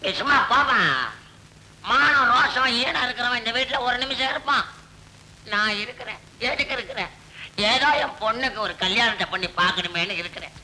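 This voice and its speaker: An actor playing a henpecked middle-aged husband in a 1970s film comedy, with exaggerated comic outbursts. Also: male voice, extremely high pitch, brisk, pushed and bright, full character voice, poor audio. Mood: blustering. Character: henpecked middle-aged husband, former clerk, blustering and pious.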